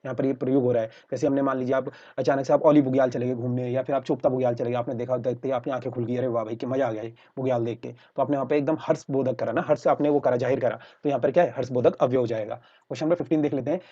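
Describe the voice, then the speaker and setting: A man's voice: mid-range voice, steady tone, very fast, hardly any pauses, mellow, slightly rough, highs cut off. A man teaching an online exam-prep lesson, explaining step by step and checking in with his students again and again. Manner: explains repetitively, checks in with "theek hai" often.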